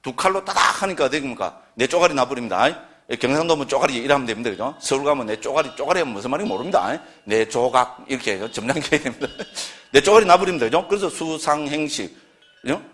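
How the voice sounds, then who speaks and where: A man's voice: medium pitch, animated, quick pace, a bit bright. A middle-aged man with a Gyeongsang Korean accent lecturing a class on early Buddhist scripture, talking conversationally and often asking the listeners for agreement.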